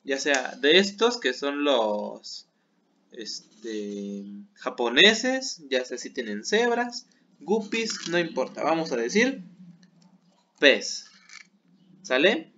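A man's voice: medium pitch, very animated, slow pace, long pauses, pushed and bright, muffled recording, a little hiss or hum. A man teaching English words in an online class, patiently checking understanding as he goes. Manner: patient, keeps checking with "¿sale?".

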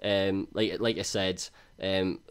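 Eager podcast host. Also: male voice, sits low, little pitch movement, takes it slowly, clean tone. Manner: enthusiastic, many fillers and likes. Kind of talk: casual interview hosting.

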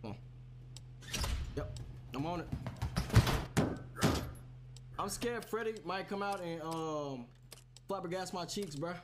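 A man's voice: sits high, measured pace, heavy background noise. A man doing casual live horror game commentary to his chat, sounding scared, with slangy, profane, repetitive talk. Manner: slangy, profane talk, often repeating phrases. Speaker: video game streamer.

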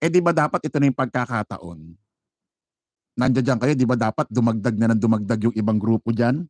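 A man's voice: mid-range voice, a little fast, a little mellow, dry recording. A Filipino man giving a casual, mocking commentary on a live stream, laughing often and mimicking chants. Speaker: vlogger commenting on a rally.

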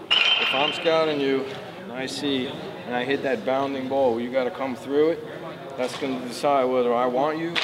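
A man coaching young baseball players at a clinic, giving direct, instructive pointers. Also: medium pitch. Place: large indoor sports dome. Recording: loud background noise in gym.

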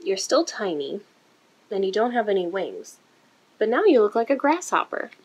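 Reading a picture book aloud to young children in an indoor room, a woman sounds very animated, her mid-pitched voice husky, slightly breathy, and darkish in tone. She phrases lines deliberately and expressively, story-time style, on a rough recording.

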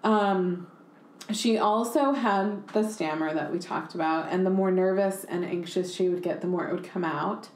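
A woman's voice: on the low side, normal speed, a little hiss or hum. Young woman host chatting in a roomy echo. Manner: animated, swears freely, says "like" constantly. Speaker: podcast host. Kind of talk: casual chat.

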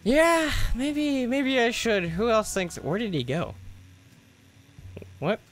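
A man's voice: extremely high pitch, very animated, slow. A young man streaming a video game live, chatting, laughing and joking with viewers. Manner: chatty, laughing, jokey asides. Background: game music.

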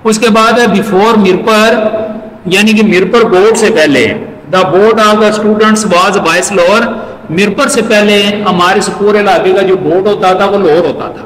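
High-voiced teacher in echoey hall. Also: male voice, a bit bright. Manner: repeats key points, reads English lines slowly and deliberately. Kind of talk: exam-prep classroom lecture. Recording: echoey hall with faint noise.

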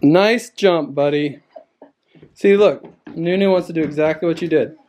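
A man in his thirties from America chats playfully with his children while giving a casual house tour for the family vlog, his tone coaxing. His voice sits on the high side, a little mellow, at normal speed. Recorded on a handheld camera at arm's length in the home's rooms, the noisy audio sounds dull.

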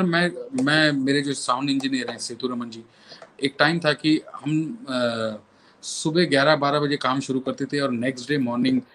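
Man, musician guest, storytelling, repeats lines for effect, faint hiss behind. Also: medium pitch. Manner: lively storyteller, repeats phrases for emphasis. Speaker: violinist and composer, interview guest. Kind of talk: anecdotal interview storytelling.

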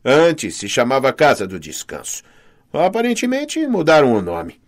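A man with a Brazilian Portuguese accent voicing a short, stocky male dwarf god in an audiobook, curt and a bit louder than the narration. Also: medium pitch, huge pitch swings, measured pace. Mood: brisk. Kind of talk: audiobook character voice.

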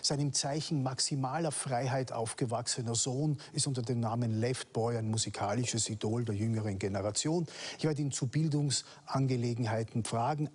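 A man's voice: medium pitch, husky. A man hosting a studio book talk show, introducing guests formally. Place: studio set with books.

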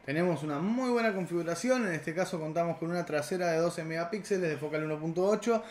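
A man's voice: a little high, fast talker, reverberant, slight background noise. A man with a Rioplatense Spanish accent, co-hosting a casual phone review and explaining specs at length. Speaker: tech reviewer co-host. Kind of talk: casual tech review chat.

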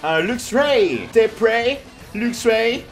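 An excitable man commentating on a video game, swearing casually as he plays. His voice sits high for a man. Faint game music runs behind him. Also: extremely slow. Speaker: gaming video host. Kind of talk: let's play commentary.

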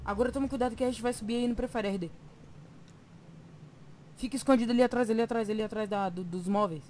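Fast-talking Brazilian gamer calling plays. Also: male voice, sits high, slight background noise. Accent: Brazilian Portuguese. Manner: rapid excited shouted callouts, slangy. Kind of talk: gaming voice chat.

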